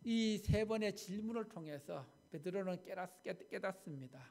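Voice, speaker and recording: A man's voice: sits high, normal speed, creaky, darkish tone. A male pastor preaching a Sunday sermon and having the congregation repeat lines after him. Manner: preaching with call-and-response prompts for the congregation.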